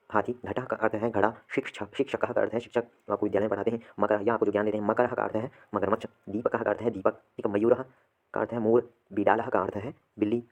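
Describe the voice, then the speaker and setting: A Sanskrit teacher with a fairly low, darkish voice gives a classroom lesson explaining vocabulary. He repeats each word and poses questions that he then answers himself.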